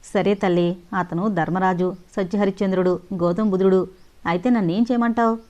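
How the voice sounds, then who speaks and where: A woman's voice: medium pitch, steady tone, moderate pace, a little mellow, lo-fi sound, close to an everyday voice. Woman voicing a scornful, stubborn young woman. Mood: stern, sarcastic. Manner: sarcastic, firm.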